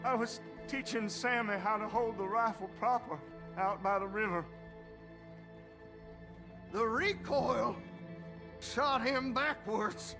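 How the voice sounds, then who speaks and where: A man's voice: sits high, slow pace, long pauses, over music. A man playing a deranged, grieving backwoods father with a Southern American accent in a video game. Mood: grieving, pleading.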